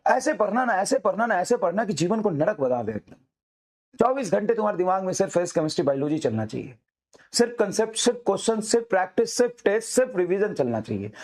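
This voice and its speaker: Fiery high-voiced male coaching teacher. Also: a little mellow. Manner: fiery and insistent, hammering on repeated phrases. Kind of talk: motivational talk to students.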